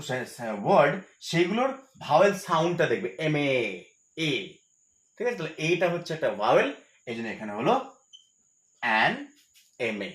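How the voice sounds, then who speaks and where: A man's voice: on the high side, fairly bright tone. Man teaching grammar in an echoey room. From West Bengal, India. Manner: patient, repeats each point, asks and answers his own questions. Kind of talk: explanatory lesson to students.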